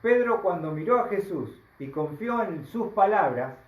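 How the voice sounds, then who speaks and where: A man with a Rioplatense Spanish accent preaching a sermon, slow and emphatic, often asking the congregation rhetorical questions. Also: high-pitched, expressive, reverberant, rough recording. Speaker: pastor.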